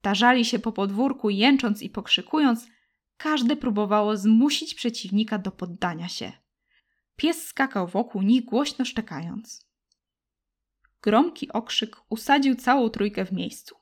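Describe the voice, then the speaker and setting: A woman's voice: on the high side, unhurried. Woman narrating a children's story. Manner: gentle, expressive reading. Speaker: audiobook narrator.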